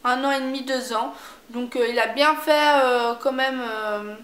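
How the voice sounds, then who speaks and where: A woman chatting casually about makeup she has used up, repeating herself and filling pauses often. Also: high voice, steady tone, fairly bright tone, echoey room. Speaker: beauty vlogger. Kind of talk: casual product review chat.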